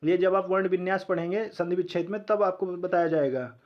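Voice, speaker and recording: A man's voice: sits high, fairly even intonation, brisk, highs cut off. A man teaching an exam-prep lecture, asking learners questions and answering them himself, sounding out letters one by one.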